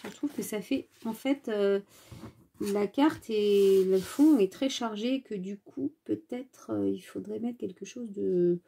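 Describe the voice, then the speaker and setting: A woman's voice: medium pitch, takes it slowly, vocal fry, dark tone, breathy edge. A woman hosting a casual craft tutorial, thinking aloud while she works, hesitant with many filler sounds and restarts. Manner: talks to viewers while working with her hands.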